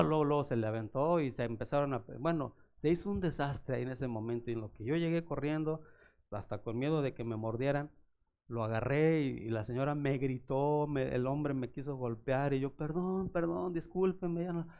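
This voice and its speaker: A man's voice: mid-range voice, highs cut off. A male pastor, preaching a sermon through personal stories and acting out the voices of the people in them. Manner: animated storyteller acting out voices. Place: church.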